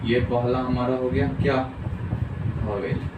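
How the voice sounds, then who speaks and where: A man's voice: mid-range voice, fairly even intonation, takes it slowly. A male teacher giving a classroom grammar lecture, drilling the students with repeated questions and coaxing them to answer. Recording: echoey room, far from mic, noisy.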